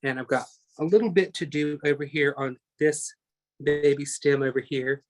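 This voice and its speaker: A man's voice: fairly high pitch, fairly even intonation, normal speed. A man teaching a live online painting class, chatty and talking through each step as he works, often correcting himself mid-sentence. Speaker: painting instructor.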